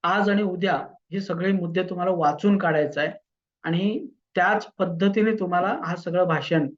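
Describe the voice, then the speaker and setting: A man's voice: high-pitched, normal speed, dull audio. A man teaching public speaking in a lecture, repeating words for emphasis. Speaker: instructor.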